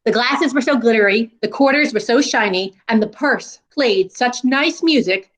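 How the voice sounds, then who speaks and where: A woman with a voice a little higher than usual reads aloud from a children's storybook. Her delivery is that of school staff narrating for young pupils. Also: moderate pace, a bit bright.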